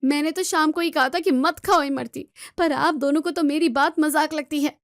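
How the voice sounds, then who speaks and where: A woman's voice: high voice, steady tone, moderate pace, no room sound, studio quality. A woman doing a scolding young daughter-in-law. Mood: exasperated. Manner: scolding, worried.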